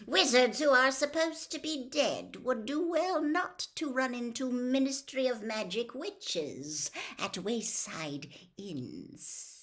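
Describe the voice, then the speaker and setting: Storybook villain: a cold, silky male dark lord played by a woman, slow, mocking, swooping widely in pitch. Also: lively intonation. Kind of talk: storybook villain read aloud.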